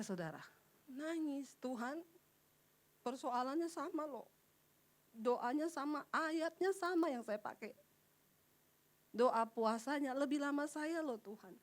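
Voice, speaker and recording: A middle-aged woman preaches with a high, bright voice, talking with her congregation rather than at it. She keeps throwing rhetorical questions and chatty asides into the sermon. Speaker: evangelist preacher.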